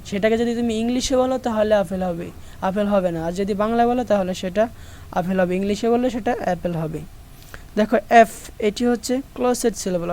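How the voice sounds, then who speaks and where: A woman's voice: mid-range voice, mellow, slight background noise. A woman with a Bangladeshi accent teaching an online English lesson, explaining step by step and repeating each example.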